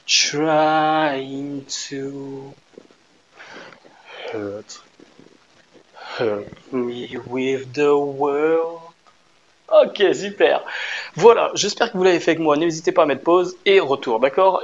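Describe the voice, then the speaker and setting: A man's voice: fairly high pitch, creaky. Encouraging male dance instructor, slightly muffled. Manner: encouraging, checks in often with short questions; counts and sounds out beats while demonstrating. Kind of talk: casual dance tutorial. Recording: slightly dull recording with faint room noise.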